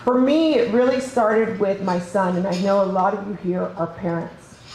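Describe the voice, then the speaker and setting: A woman's voice: medium pitch, normal speed, a little mellow, slight background noise. A woman hosting a conference, giving an enthusiastic, chatty welcome speech with frequent laughs. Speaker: conference host. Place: large conference room. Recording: echoey event room, faint ambience.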